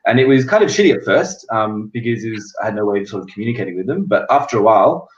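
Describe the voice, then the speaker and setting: A man's voice: on the low side, very animated, fast talker. A young Australian man telling personal stories in casual chat, in a distant, echoey recording. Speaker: guest. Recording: echoey, distant, dull sound.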